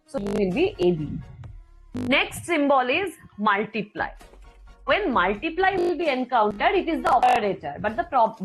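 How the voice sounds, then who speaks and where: High-pitched Bengali-accented woman teaching. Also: a bit bright, breathy edge, low-quality recording. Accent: Indian Bengali. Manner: deliberate, repetitive explaining, switching languages. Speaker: computer science teacher. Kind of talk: step-by-step lecture.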